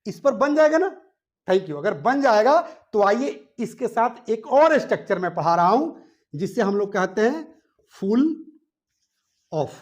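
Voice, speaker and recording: Slow, lively-pitched male English teacher. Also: dull audio. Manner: explains slowly, repeats words in pairs, checks "samjh mein aa rahi hai na?"; calls students "beta". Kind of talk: classroom grammar lesson at a board. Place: classroom with a board.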